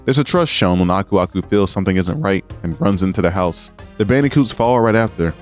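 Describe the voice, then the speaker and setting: A man's voice: low-pitched, lively intonation, fast talker. A man narrating a scripted video essay with earnest, appreciative commentary. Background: music.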